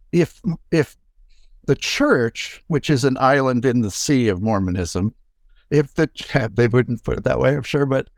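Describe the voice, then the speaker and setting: An older man, a music professor, giving a reflective, halting acceptance talk full of pauses and restarts. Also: medium pitch, no room sound, clean studio sound. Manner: halting, many fillers and restarts. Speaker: award recipient, music professor.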